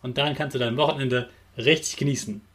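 A man who teaches and hosts a podcast for children, speaking straight to the young listener in a lively, encouraging way. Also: medium pitch, a little fast. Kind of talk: upbeat talk addressed to children.

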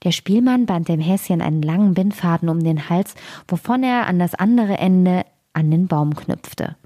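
A woman reads a fairy tale aloud for a radio station's podcast. Her voice is lowish, and she keeps a calm, even storytelling pace. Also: normal speed.

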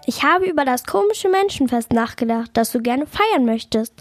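A woman's voice: sits high, animated, normal speed, dry recording, clean studio sound, soft background music. Hilde Haselmaus, a woman doing a fretful little dormouse. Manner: whiny, fretful. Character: tired, anxious little female dormouse. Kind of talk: children's audio story acting.

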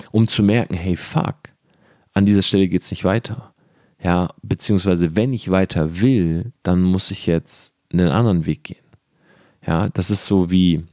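A man's voice: low-pitched, dark tone, no room sound, clean studio sound. A young man talking earnestly and directly to the listener in a casual motivational monologue, with fillers and the odd swear word.

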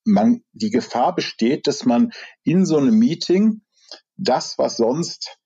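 A man from the Rhineland working as an executive coach, speaking in a measured, reflective and candid way in an interview over a video call. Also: mid-range voice, very animated, vocal fry, mellow, husky, lo-fi sound. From Rhineland, Germany.

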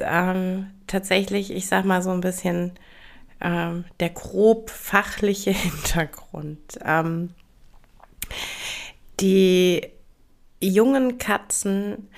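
A woman hosting a podcast, explaining calmly and reassuringly, with frequent hesitations and filler sounds. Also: mid-range voice, vocal fry. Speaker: podcast host. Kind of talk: casual explanatory podcast monologue.

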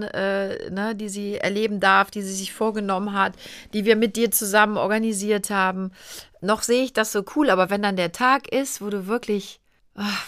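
A woman's voice: medium pitch, a bit bright. A middle-aged woman hosting a podcast in casual chat, talkative and teasing, laughing often. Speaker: podcast host.

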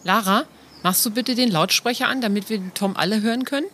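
A woman playing a caring, gently correcting mother of young children in an educational audio play. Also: mid-range voice, fast talker, close to an everyday voice. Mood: gently instructing.

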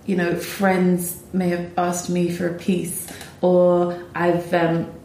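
A woman's voice: lowish voice, completely flat delivery, takes it slowly, warm tone, slight background noise. Reflective woman composer, roomy sound. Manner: thoughtful, with frequent ums and restarts. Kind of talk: reflective conversation. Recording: roomy echo.

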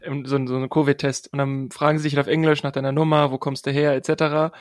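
A young man telling a story in a relaxed, chatty way with youthful slang. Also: medium pitch, quick pace, no echo, studio quality. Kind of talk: casual storytelling chat.

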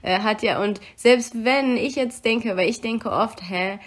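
A woman's voice: a little high, a little slow. Chatty woman podcaster. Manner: chatty, reflective, acts out quoted remarks. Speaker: podcast co-host. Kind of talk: casual chat about relationships.

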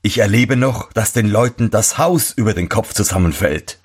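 A man's voice: lowish voice, moderate pace, slightly rough. A man reading a fairy tale and voicing a fussy, irritable old master shoemaker who scolds everyone around him. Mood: scolding, indignant. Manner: scolding, shouting complaints.

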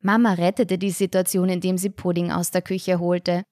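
A woman narrates a first-person story aloud with a lively, wry delivery. Her voice sits fairly low, and the recording is close and completely dry. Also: moderate pace, dry recording. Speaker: audiobook reader.

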